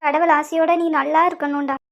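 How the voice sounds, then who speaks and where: A woman's voice: high-pitched, flat delivery, brisk, vocal fry, muffled recording. A woman voicing a loving, devout old grandmother in an amateur cartoon, speaking in a reassuring way. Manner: warmly reassuring.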